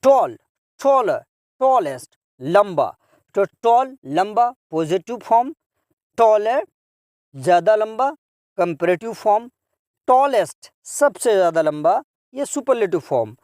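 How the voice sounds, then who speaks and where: A man teaching English grammar to children, drilling each word form slowly and repeating it, then explaining and translating it. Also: high-pitched, big pitch swings, darkish tone, dry recording, clean studio sound. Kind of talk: grammar lesson.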